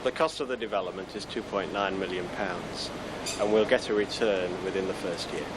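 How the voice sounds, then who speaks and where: A man in a store manager's role, giving measured, businesslike answers in an interview. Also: deep voice, heavy background noise.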